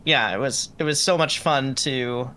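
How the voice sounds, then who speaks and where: A man's voice: mid-range voice, measured pace, sharp tone. A man in the cast chatting over an online call in a playful, rambling way. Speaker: voice actor in the cast. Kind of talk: casual chat. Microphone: online voice chat.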